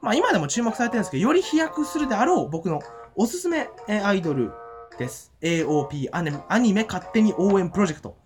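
A man giving an excited, giddy and rambling fan report from home, full of fillers and giggles. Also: sits high, fast, music in the background. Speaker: fan vlogger. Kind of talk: casual event report vlog. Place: at home after the event.

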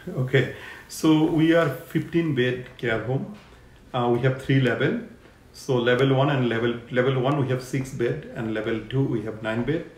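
Middle-aged man from Bangladesh, halting interview answers, mid pitch, roomy echo. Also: a little mellow. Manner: halting, many fillers and restarts. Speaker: care home owner. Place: living room, seated on a sofa.

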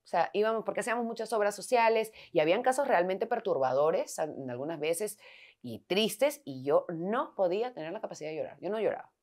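A woman's voice: medium pitch, expressive, fairly quick, a little mellow. A young Peruvian woman with a Peruvian Spanish accent, telling personal stories as a guest in a casual interview at home. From Peru. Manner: candid, storytelling.

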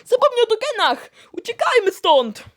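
An excitable teenage girl contestant, voiced by a woman in an amateur cartoon fan dub. She yelps in shrill, breathless bursts, her pitch sitting high and leaping wildly. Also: moderate pace, full character voice. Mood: panicked.

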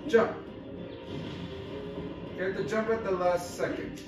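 A man with a high voice giving casual play-by-play over game music, calling out each move in short bursts. He sounds far from the mic in a very echoey room. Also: steady tone, slow. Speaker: gameplay commentator.

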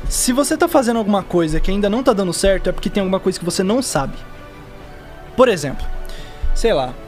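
High-pitched, fast-talking young Brazilian man. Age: young adult. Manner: slangy, explains with examples. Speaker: podcast guest, digital marketer. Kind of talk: casual podcast conversation. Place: indoor podcast studio. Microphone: dynamic mic on boom arm, close.

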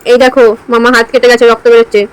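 High-voiced woman coaxing a child. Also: monotone, rapid-fire, clean tone, poor audio. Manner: simple repeated questions and coaxing instructions. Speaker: family carer filming a young child. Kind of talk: casual chat with a small child.

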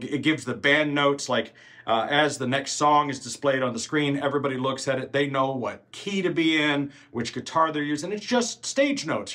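A man's voice: medium pitch, fairly bright tone. Chatty man in his forties, rambling. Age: 40s. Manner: rambling, chatty, swears casually. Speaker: singer in a tribute band. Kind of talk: casual vlog chat.

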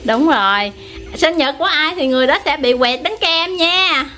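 A woman's voice: high-pitched, lively intonation, normal speed, pushed and bright, a little hiss or hum. A woman, a mother chatting casually while filming her family, teasing and coaxing her child. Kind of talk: casual family vlog chat.

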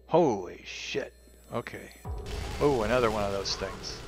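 A man's voice: on the low side, a little slow, music in the background. A man with a strained, cracking voice giving casual, sweary commentary as he plays a video game. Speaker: gameplay streamer.

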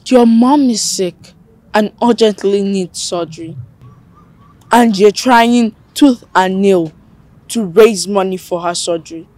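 An actress playing a young woman who coldly accuses someone in a measured way. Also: medium pitch, darkish tone, no room sound, natural voice. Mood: accusing.

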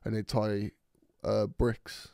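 A man's voice: fairly low pitch, level tone, slow, vocal fry, darkish tone, dry recording, studio quality. A young man co-hosting a casual podcast, telling blunt, sweary stories. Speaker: podcast co-host. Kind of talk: casual chat.

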